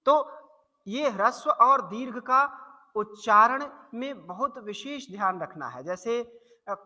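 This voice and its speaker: High bright teacher voice in an echoey hall. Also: male voice, lively intonation. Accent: Hindi-speaking north Indian. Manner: slow, deliberate, repeats example words to model pronunciation. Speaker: Hindi teacher. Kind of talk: explanatory classroom lesson.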